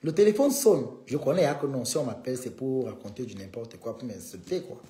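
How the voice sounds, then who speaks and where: A man's voice: mid-range voice, expressive, fairly quick, dark tone, echoey room, soft background music. A man hosting a live stream, needling a rival and calling on his viewers in a combative way.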